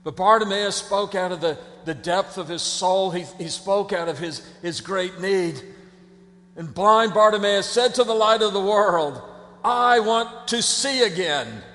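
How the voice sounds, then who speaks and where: Male pastor, sermon, high voice, dramatic swings from hush to shout, long hall reverb. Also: unhurried.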